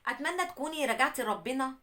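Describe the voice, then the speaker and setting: Fast-talking Egyptian woman storyteller. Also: high-pitched, expressive, bright, forceful tone. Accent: Egyptian Arabic. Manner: earnest, admonishing. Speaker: host reading a listener's story. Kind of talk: first-person storytelling and religious advice.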